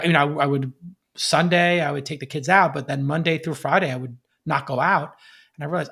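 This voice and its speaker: A man's voice: medium pitch, gravelly, a bit bright, slightly rough. A man hosting a podcast with off-the-cuff startup commentary, talking like an emphatic tech bro who repeats phrases for stress and leans on jargon. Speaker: podcast host.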